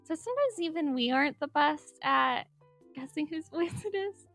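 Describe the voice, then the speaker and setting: Her high, light voice, raised above its everyday pitch for the mic, is expressive and moves at normal speed as she narrates a speedpaint. The commentary is casual and rambling, peppered with giggles and "like," over faint, soft background music.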